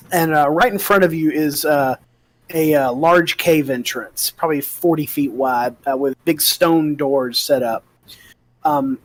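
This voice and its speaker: Halting, higher-voiced man running a game. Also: a bit bright, rough recording. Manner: halting, hesitant delivery with frequent pauses. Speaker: game master. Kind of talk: improvised tabletop game narration.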